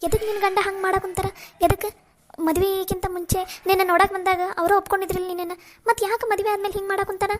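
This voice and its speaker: Lady doing a bossy caring friend in a cartoon, high voice, lectures a lot. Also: flat delivery, fast, slight background noise. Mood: consoling. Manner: firm, lecturing, comforting. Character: young woman friend, caring and bossy advisor.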